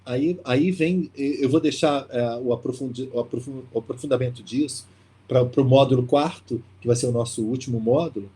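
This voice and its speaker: A man leading an online literature class in a casual, lively way, reading passages and asking rhetorical questions. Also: medium pitch, moderate pace, husky. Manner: lively, talkative, exclaims and asks rhetorical questions. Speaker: literature teacher leading a course.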